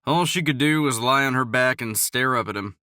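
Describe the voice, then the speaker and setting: Male audiobook narrator, bright dry voice. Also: medium pitch, fairly quick, no room sound. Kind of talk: scripted narration.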